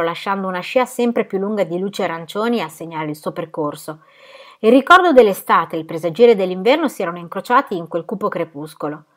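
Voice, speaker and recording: A woman reading a novel aloud in a lower voice. She reads with feeling, leaning into the drama of the scene, and her tone stays steady and measured. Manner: expressive, shouts out quoted cries and drops to a whisper for tense moments. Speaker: audiobook reader.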